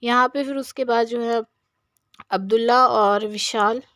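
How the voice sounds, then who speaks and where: A woman's voice: on the high side, fairly even intonation, unhurried, fairly bright tone, no echo. Chatty woman recapping a show, dry sound. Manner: chatty, repeats "yahan pe" and "jo hai" fillers; opinionated, voices her own reactions. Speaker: reality show recap commentator. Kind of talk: casual episode recap commentary.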